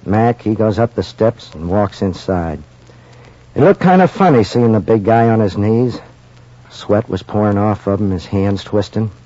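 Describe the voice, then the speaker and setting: Man acting a mellow-voiced old-time radio cop. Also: lowish voice, lightly acted. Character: plain-spoken police officers, earnest or brusquely commanding. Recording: dull, noisy old radio recording.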